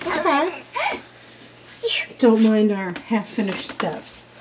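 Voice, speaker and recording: A mother talks to her small children at home in a high, sing-song voice that swoops up and down as she coaxes them along. It is a handheld home video with steady noise in the background. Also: slow. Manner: sing-song, coaxing talk to toddlers. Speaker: mother filming her toddlers. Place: family home, indoors.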